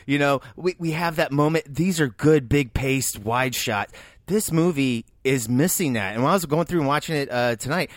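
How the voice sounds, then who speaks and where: A man's voice: medium pitch, moderate pace, no echo. A man in a casual film discussion, talking enthusiastically and pushing back in argument.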